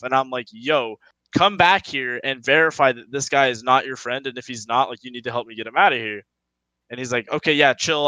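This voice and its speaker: A young man in his twenties, a podcast co-host, telling a story in casual chat, animated and swearing as he acts out quotes. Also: medium pitch, no room sound, rough recording.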